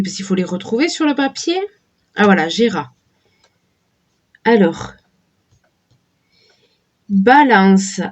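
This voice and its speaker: Woman with a cold, sore throat, talks slow with lots of ums, casual card unboxing chat. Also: mid-range voice, a little mellow, dull audio. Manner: slow, hesitant, many fillers and restarts. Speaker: tarot and oracle card reviewer.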